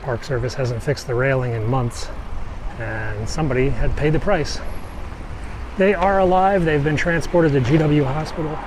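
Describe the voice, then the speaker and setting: A vlogger with a medium-pitched voice talks at normal speed, giving casual on-the-go narration while filming street incidents. He is outdoors on city streets and a bike path, recording on a handheld pocket camera amid noisy traffic and city sounds.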